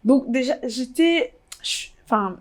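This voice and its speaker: A Congolese fashion blogger in her twenties tells her story in a casual interview. Her high-pitched voice is expressive and slow, full of hesitations, fillers, and restarts.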